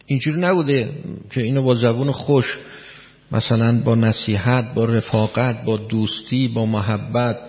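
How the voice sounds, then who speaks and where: A man's voice: mid-range voice, fairly even intonation, darkish tone. A man giving a spoken lecture, explaining step by step, repeating key words and putting questions to his listeners. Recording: long hall reverb, dull lo-fi sound.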